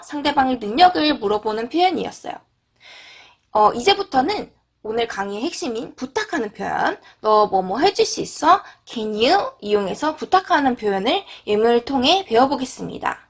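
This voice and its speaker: A woman teaching an English lesson, repeating English phrases slowly and clearly. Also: sits high.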